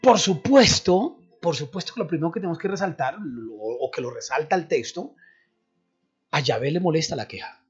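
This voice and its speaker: Man, radio Bible teacher, lively swinging pitch, muffled recording. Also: moderate pace, breathy edge. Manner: animated, explanatory, asks and answers himself. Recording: dull radio recording with faint music.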